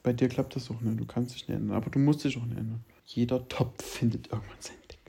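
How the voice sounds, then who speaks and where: A woman in casual chat with a friend, teasing and laughing often, sometimes sinking to a quiet murmur. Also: very deep voice, steady tone, quick pace, creaky, slightly rough. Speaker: co-host.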